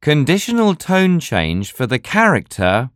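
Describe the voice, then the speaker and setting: Lesson narrator: slow, measured, very wide-ranging intonation, dry studio sound. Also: mid-range voice, very animated, no echo. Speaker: language teacher. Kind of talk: scripted instructional narration.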